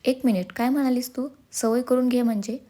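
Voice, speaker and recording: Woman doing a young husband, storybook, quick-tempered, teasing, raised hurried questions, mellow tone. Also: fairly high pitch, close to an everyday voice. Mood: irritated. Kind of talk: storybook character reading.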